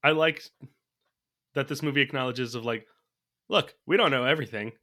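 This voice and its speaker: This podcast co-host talks about a movie in a relaxed way, working through his notes out loud and laughing frequently. His voice is medium-pitched and sharp in tone, and he speaks at a normal pace.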